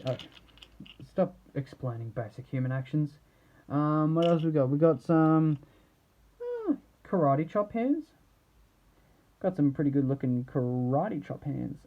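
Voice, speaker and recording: A man reviewing action figures gives an off-the-cuff showcase, his speech halting and rambling as ideas trail away partway through. His voice is a little high, captured in narrow, tinny audio.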